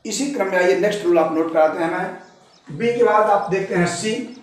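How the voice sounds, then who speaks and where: A man with a Hindi accent teaching an English pronunciation lesson, repeating each point, calling viewers his friends and spelling letters out slowly. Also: high voice, distant mic. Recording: very echoey room, voice from off-mic.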